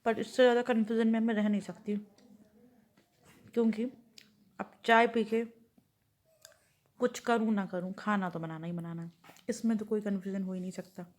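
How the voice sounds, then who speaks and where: A woman's voice: mid-range voice, flat delivery, moderate pace, long pauses, a little mellow. A woman vlogging casually at home, thinking aloud and rambling to her viewers. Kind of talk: casual chatty home vlog.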